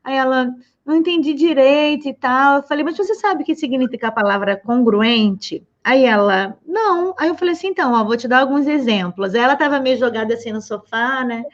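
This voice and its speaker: A woman with a high voice tells a story with animation and acts out the dialogue in casual conversation. The audio is muffled and lo-fi. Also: animated, fairly quick, hardly any pauses.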